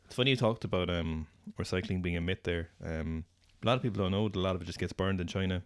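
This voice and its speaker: A man's voice: deep voice, dry recording, studio quality. A man co-hosting a podcast, chatting casually and rambling with lots of fillers. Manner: rambling, quick, many fillers. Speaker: podcast co-host. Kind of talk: casual chat.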